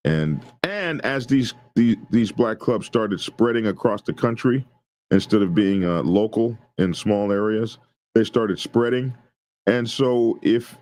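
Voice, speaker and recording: Deep voiced guy on a podcast, talks slow and careful, lots of uhs. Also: a little mellow. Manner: measured, explanatory, hesitant fillers. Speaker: podcast co-host. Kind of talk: casual podcast chat.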